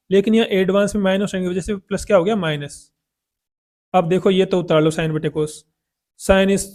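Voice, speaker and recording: High-pitched math teacher. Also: male voice, a little mellow. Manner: asks questions and answers them himself. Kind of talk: blackboard math lesson.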